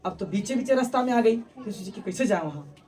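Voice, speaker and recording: A woman teacher, retelling a story to her students in an animated way, often repeating phrases and calling on them to listen. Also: medium pitch, fast, breathy edge, far from the mic.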